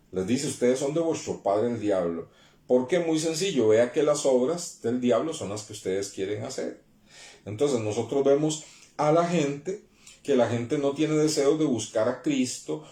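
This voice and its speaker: Pastor guy preaching, warm mellow voice, kinda echoey church room, gets emphatic on the verses. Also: medium pitch. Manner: preaching with emphatic rises while reading scripture aloud. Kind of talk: sermon.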